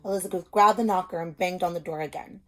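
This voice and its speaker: A woman's voice: lowish voice, steady tone, quick pace. A woman speaking as a reading teacher, explaining simply and reading a story aloud to children, stressing key words.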